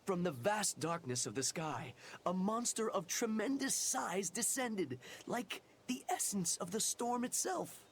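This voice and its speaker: A frightened traveller in a video game, telling a dramatic tale. The pitch swings in a lively way, with faint noise and ambience behind. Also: a little slow. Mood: awed, dramatic. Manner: storytelling, dramatic. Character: frightened traveller recounting a monster sighting.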